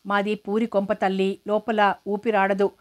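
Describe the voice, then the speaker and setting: A woman's voice: medium pitch, level tone, unhurried, natural voice. A woman reading the lines of a stubborn, defensive poor village man in a storybook reading.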